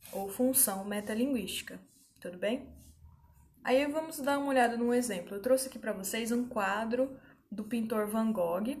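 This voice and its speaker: A woman's voice: a little high, a little mellow, slight background noise. A woman teaching an online grammar lesson, explaining patiently and often checking that students follow.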